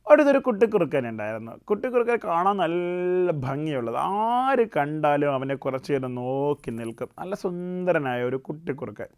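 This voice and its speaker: Gentle male storyteller for children. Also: a little high, big pitch swings, normal speed, few pauses, clear, resonant tone. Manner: gentle, keeps asking the children questions as he tells the tale. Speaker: puppet show host and storyteller.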